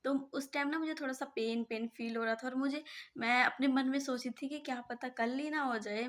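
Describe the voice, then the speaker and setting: A woman's voice: on the high side, a bit bright. A young woman vlogger telling a personal story casually, chatty and rambling with many fillers and restarts.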